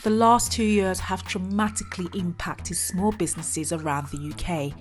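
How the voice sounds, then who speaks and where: Woman reading a sincere donation appeal. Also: medium pitch. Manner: sincere, earnest. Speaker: announcer for theatre company. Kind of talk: scripted appeal narration.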